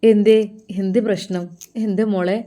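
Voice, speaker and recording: Woman voicing a blunt, loud father. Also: medium pitch, fairly even intonation, unhurried, natural voice. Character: blunt practical father of the house.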